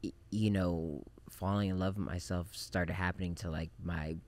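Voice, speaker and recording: A man in his thirties who grew up in Japan, a film director talking as a podcast guest in a relaxed, reflective way with many fillers, on a studio mic. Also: deep voice, moderate pace. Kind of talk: casual interview chat. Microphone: studio mic on boom arm.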